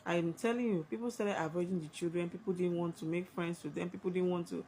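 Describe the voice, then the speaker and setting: A woman's voice: on the low side, steady tone, fast, darkish tone, a little hiss or hum. A woman with a Nigerian accent telling a scary personal story conversationally, emphatically repeating phrases for effect.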